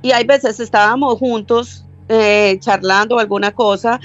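A woman's voice: fairly high pitch, steady tone, measured pace, dull audio, soft background music. Older Colombian woman from Medellín telling a story. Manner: rambling, self-correcting, acts out quoted dialogue. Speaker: caller sharing a story. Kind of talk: casual storytelling.

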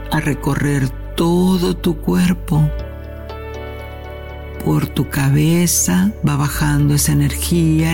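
A woman leads a guided meditation in a low, sultry narrator's voice. She speaks very slowly and soothingly, with a creaky edge, leaving long pauses between phrases. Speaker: podcast host and meditation guide. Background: New-age music.

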